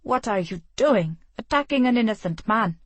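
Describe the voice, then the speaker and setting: Woman reader doing a gruff, curt audiobook hero, sardonic and commanding. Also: fairly high pitch, expressive, moderate pace, no echo. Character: gruff, commanding young man, dazed from injury. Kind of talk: audiobook dialogue.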